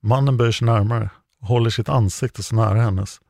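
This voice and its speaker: A man giving a scripted true crime narration with a steady, measured reading. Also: medium pitch, creaky, no room sound, clean studio sound.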